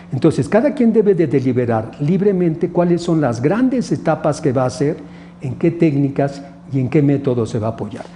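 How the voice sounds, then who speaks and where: A man with a Mexican Spanish accent lectures on research methods in a didactic way, often posing questions to the class and answering them himself. His voice sits a little high for a man but sounds very dark and mellow. A faint hiss runs under the recording. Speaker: instructor.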